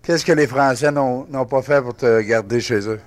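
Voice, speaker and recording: A man's voice: medium pitch, moderate pace, dry recording. Male interviewer with dry, close sound. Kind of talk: interview questions.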